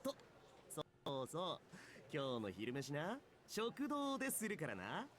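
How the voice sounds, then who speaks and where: Game voice: a brash teenage schoolboy, cheeky and teasing, lively swings in pitch. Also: male voice, normal speed. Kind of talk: visual novel voice acting.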